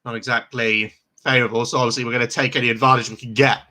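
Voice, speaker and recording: Male host for a live football reaction stream: bright voice, mid pitch, chatty and rambling. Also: flat delivery, racing. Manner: chatty and rambling, laughs often. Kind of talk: casual live match commentary.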